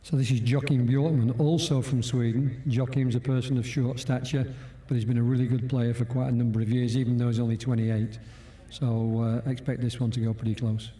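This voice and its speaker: A man's voice: medium pitch, level tone, a little fast, few pauses, warm tone, echoey room. A man introducing players at a live golf event in a matter-of-fact way.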